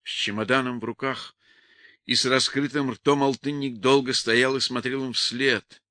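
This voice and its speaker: A man narrating literary prose in an expressive audiobook reading. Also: medium pitch, normal speed, dry recording, studio quality.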